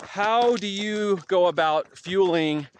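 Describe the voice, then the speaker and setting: A man hosting a podcast, asking questions and telling stories in an animated, laughing way. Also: high voice, slow, a little hiss or hum. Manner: animated storyteller, laughs easily. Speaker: podcast host. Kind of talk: casual interview chat.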